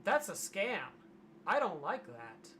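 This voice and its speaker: A hoarse streamer in casual livestream commentary, wry and grumbling, reading aloud from a web page. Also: medium pitch, huge pitch swings, slow pace, bright, forceful tone, a little hiss or hum. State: losing voice, hoarse.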